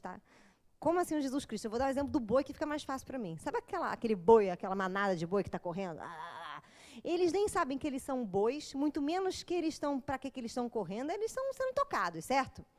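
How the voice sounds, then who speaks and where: A woman psychologist giving an informal, joking lecture to an audience, acting out little scenes as she goes. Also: sits high. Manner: lively, joking, acts out little quoted scenes.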